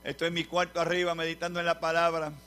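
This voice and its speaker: A man with a Puerto Rican accent preaching a sermon as a pastor, telling a testimony with fervent, repeated phrases that swell into shouts. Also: a little high, completely flat delivery, fast talker, clean tone. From Puerto Rico.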